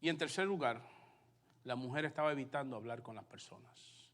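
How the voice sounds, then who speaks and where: A male pastor with a Puerto Rican Spanish accent preaching a sermon and telling his own story, alternating loud emphasis with hushed asides. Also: medium pitch, brisk, in a large hall. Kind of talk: sermon with personal testimony. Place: church sanctuary.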